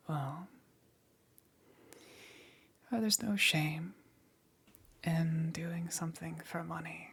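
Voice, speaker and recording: In a whispered ASMR roleplay, a woman with a low, breathy, husky voice fully plays a demon queen who is seductive, possessive and melancholy. She speaks slowly with soft condescension, sounding probing and amused.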